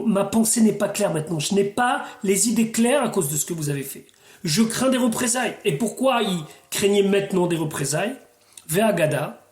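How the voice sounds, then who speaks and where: A man's voice: high voice, roomy sound. A man, a rabbi, teaching the weekly Torah portion verse by verse, reading Hebrew phrases and then translating and explaining them.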